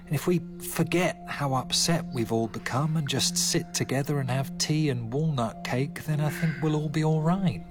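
A man's voice: a little high, normal speed, hardly any pauses, music in the background, lightly acted. An actor playing a patient, soothing grown son talking to his confused mother in a naturalistic audio drama.

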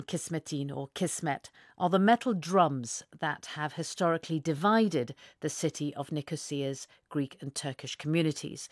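A woman's voice: sits low, no echo, studio quality. A woman presenting a music programme on the radio from a script, as its host.

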